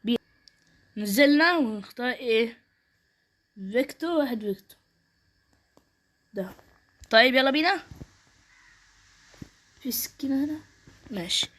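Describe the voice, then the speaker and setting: A young woman with an Egyptian Arabic accent giving live gameplay commentary, excitable and trash-talking in short bursts. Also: a little high, moderate pace, pauses often. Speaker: gaming streamer.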